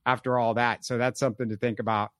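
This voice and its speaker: A man hosting a casual sports talk show, animated and full of fillers. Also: mid-range voice, quick pace, dry recording. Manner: animated, talks in bursts with fillers. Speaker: podcast host.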